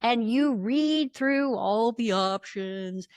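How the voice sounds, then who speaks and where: A woman's voice: on the high side, slow pace, darkish tone, dry recording. A woman hosting a motivational podcast as a life coach, speaking emphatically and repeating her key words.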